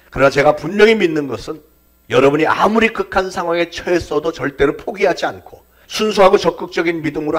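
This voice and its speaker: A male pastor delivering a sermon in a fairly high-pitched voice. He swells with emphasis on key phrases, then lets each point settle into a soft, hushed close. The delivery is earnest and steady throughout. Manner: emphatic preaching, rising for stress and dropping to soft endings.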